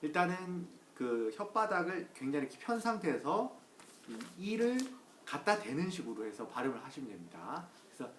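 A man teaching Chinese pronunciation in a casual video lesson, chatty with lots of fillers, slowly repeating each sound several times. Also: a little high, slight background noise. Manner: lively, chatty, with many fillers like "ja" and "ye". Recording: roomy echo, voice a bit far from the mic.

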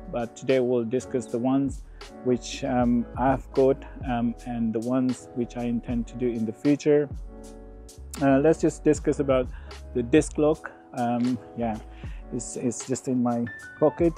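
A middle-aged man explaining motorcycle security in a casual vlog, outdoors on a residential street, pausing often with ums and uhs. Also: medium pitch, dark tone. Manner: hesitant, many ums and uhs. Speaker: motorcycle vlogger.

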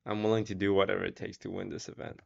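Gravelly man streamer, deadpan. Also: low voice, racing, dull audio. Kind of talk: casual commentary on stream.

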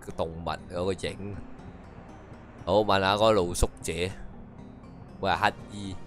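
一位帶香港口音嘅年輕男實況主，邊玩遊戲邊用廣東話講解同揶揄對白。. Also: male voice, low-pitched, fairly even intonation, takes it slowly, a bit bright. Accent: Hong Kong Cantonese. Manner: dry, mocking running commentary and translation of dialogue. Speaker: game streamer. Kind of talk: casual gameplay commentary. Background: faint game music.

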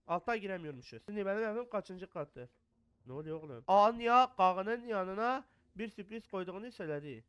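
A man's voice: on the high side, a bit bright, smooth, no room sound. A young man, commentating a horror game, jumpy, cursing and muttering prayers when scared. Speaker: gaming YouTuber.

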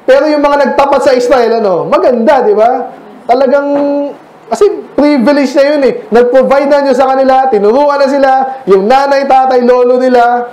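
High-voiced Filipino pastor preaching conversationally. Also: male voice, normal speed, a little mellow, reverberant, low-quality recording. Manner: conversational preaching, asks the congregation questions. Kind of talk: sermon. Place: church.

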